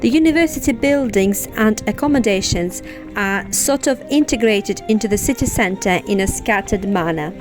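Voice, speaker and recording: A woman's voice: medium pitch, expressive, normal speed. A woman vlogger giving scripted, informative travel narration. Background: music.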